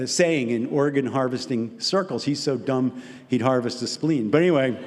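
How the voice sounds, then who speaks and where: An older man telling a comic story and answering audience questions, rambling and self-interrupting with wry deadpan asides. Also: fairly high pitch. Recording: hall reverb, faint background noise.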